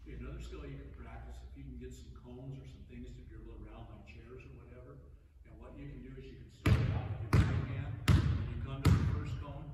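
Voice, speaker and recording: An older man coaching basketball drills in a large indoor gym. His voice comes from far off the camera and rings around the hard walls. A basketball bounces loudly behind him. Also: medium pitch, roomy sound, long reverb tail, heavy background noise. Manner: plain, repetitive coaching talk, often raised while dribbling. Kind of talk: instructional demonstration. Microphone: camera mic at a distance.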